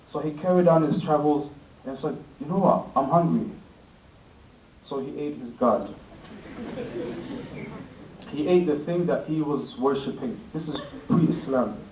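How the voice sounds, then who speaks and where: A man telling a story in a sermon, using lots of fillers and rhetorical questions. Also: a little high. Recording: roomy, distant, dull lo-fi with faint noise.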